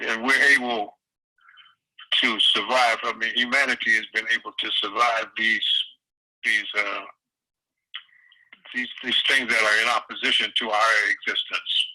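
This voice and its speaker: An older man talking calmly and reflectively in a casual interview over a phone line, with folksy phrasing and hesitant pauses. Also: lowish voice. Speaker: interview guest, community elder.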